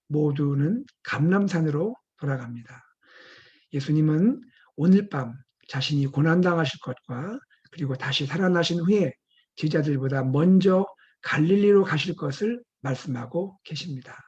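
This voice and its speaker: A male pastor preaching an earnest devotional sermon, asking rhetorical questions and letting his voice drop soft at phrase ends. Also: a little high, slightly rough, dull audio. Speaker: senior pastor.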